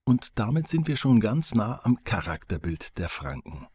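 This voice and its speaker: Man, husky voice, lively pitch, reading his own foreword, dry wry humor, audiobook narration. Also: moderate pace.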